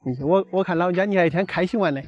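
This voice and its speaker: A man's voice: sits high, very fast, muffled recording. A male vlogger chatting casually in Sichuan dialect, asking simple, curious questions as an interviewer. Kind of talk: casual chat.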